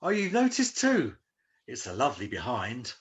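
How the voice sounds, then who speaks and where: A man's voice: medium pitch, wildly swooping pitch, normal speed, a little hiss or hum. A man playing a cheeky, good-hearted servant in a pantomime, a swaggering hero who plays to the audience. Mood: cheeky, pleading. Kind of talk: broad pantomime acting.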